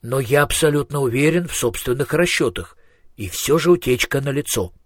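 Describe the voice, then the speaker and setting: A man's voice: medium pitch, lively intonation, normal speed, no room sound, studio quality, natural voice. A man voicing an absent-minded male genius inventor who muses thoughtfully and trails off with hums. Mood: musing.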